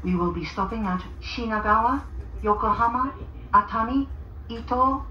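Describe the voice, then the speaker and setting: A woman giving a polite train announcement over the loudspeaker, reading out the stops slowly and carefully. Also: a little high, a little hiss or hum. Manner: polite, slow, carefully enunciated. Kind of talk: scripted onboard announcement. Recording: dull echoey loudspeaker sound.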